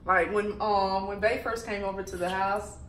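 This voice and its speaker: A woman's voice: mid-range voice, steady tone, normal speed, fairly bright tone, distant mic, a little hiss or hum. A woman in her thirties, co-hosting a couples channel, chatting easily between bites. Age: 30s. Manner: easygoing, giggly, talks between bites. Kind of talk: casual mukbang chat. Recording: echoey room.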